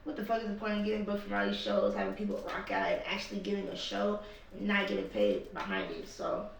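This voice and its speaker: A rapper guest talking casually and emphatically on a podcast, with lots of slang and cursing. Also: male voice, high voice, very animated, fast talker, creaky, a little hiss or hum. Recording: echoey room, mic at a distance.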